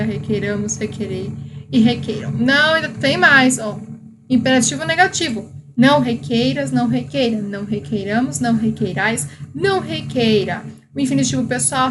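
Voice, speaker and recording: A woman's voice: on the high side, poor audio. Brazilian woman reciting verb tables. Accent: Brazilian Portuguese. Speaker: grammar teacher. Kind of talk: conjugation lesson for exam students.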